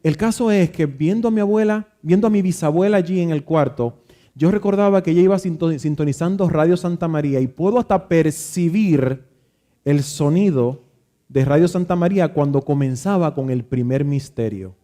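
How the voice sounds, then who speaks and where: A man's voice: a little high, normal speed, mellow. A man, a pastor telling a reflective childhood story in a sermon, often restarting his words. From Dominican Republic.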